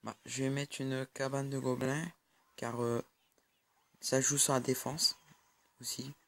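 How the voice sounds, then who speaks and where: A young male gaming YouTuber talks casually over a screen recording of a mobile game, his medium-pitched voice flat, a little slow, slightly bright and touched with vocal fry. He sounds hesitant, filling his commentary with fillers and restarts.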